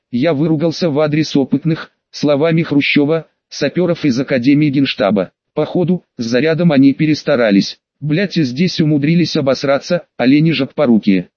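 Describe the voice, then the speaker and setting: A man's voice: a little high, dry recording, muffled recording. A man narrating a first-person audiobook in a wry, colloquial storytelling manner.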